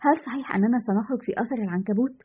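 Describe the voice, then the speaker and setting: A woman voicing a bored, sharp-tongued young witch with a sulky, teasing manner, in a dull lo-fi recording. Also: a little high, very fast, husky.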